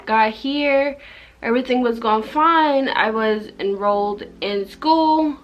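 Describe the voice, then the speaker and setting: A woman's voice: a little high, takes it slowly, highs cut off. A young woman from Jamaica telling a personal story in a casual, rambling, conversational way. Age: young adult. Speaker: vlogger. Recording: music behind the voice. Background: background music.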